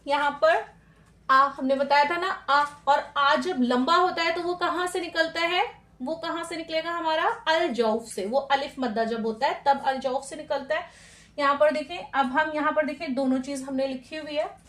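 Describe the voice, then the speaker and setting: A woman's voice: sits high, fairly even intonation, normal speed, a bit bright, roomy sound. A woman teaching a tajweed lesson, patiently asking questions and answering them herself, stretching out the sounds as she demonstrates them. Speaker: Quran recitation teacher.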